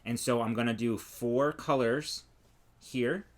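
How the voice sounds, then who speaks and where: A man's voice: mid-range voice, takes it slowly. Male podcast co-host, easygoing, shows his crochet while chatting. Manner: relaxed, trails off and restarts while showing work. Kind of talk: casual chat about crochet.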